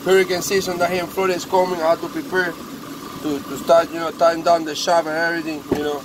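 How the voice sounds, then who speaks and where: Speaking quickly with a fairly high, flat-toned voice, this Spanish-accented man, Spanish by native tongue, chats with the buyers of his eBay parts shop. Inside his messy workshop, phone camera close up, he shows off a broken chainsaw and talks to it as though it were a pet, with engine and machinery audible throughout.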